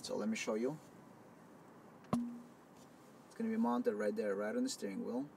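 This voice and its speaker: A man's voice: on the low side, very animated, measured pace, vocal fry, darkish tone. Man casually demoing inside a car. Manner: loose, conversational explaining with fillers. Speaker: product demonstrator. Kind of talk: casual product demo. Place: inside a car, partly outdoors in wind. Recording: faint wind noise on camera mic.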